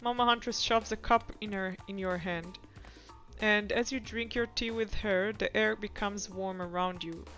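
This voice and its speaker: A woman's voice: mid-range voice, steady tone, measured pace, fairly bright tone, soft background music. A woman game streamer reading a dating game aloud, with amused comic asides.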